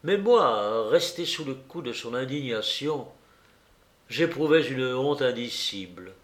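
A man's voice: medium pitch, expressive, slow, reverberant. Man reading a literary story aloud. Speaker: audiobook narrator.

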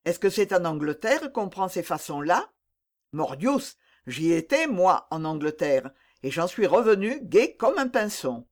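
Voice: medium pitch, very animated, measured pace. A reader voicing a seasoned older musketeer captain, blunt and mocking, in an audiobook reading of a classic novel. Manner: teasing, blunt, worldly.

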